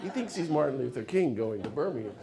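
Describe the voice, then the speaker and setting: A middle-aged man giving a public lecture, telling stories with sudden swings from hushed asides to loud, fired-up passages. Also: medium pitch, very animated, quick pace, vocal fry, a faint crowd. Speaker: speaker.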